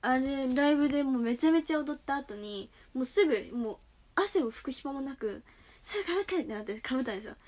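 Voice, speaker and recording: A woman's voice: sits high, lively intonation, fast talker, a little mellow. A young woman streaming live from home, chatting casually and giggling as she reacts to viewer comments on her phone.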